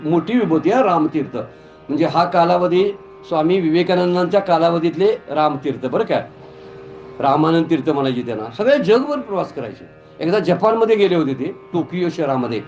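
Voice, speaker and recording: High-voiced preacher. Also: male voice, highs cut off. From Kolhapur, Maharashtra. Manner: animated, rhetorical questions, scolding asides. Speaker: Bhagavat katha preacher. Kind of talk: devotional storytelling sermon. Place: temple gathering.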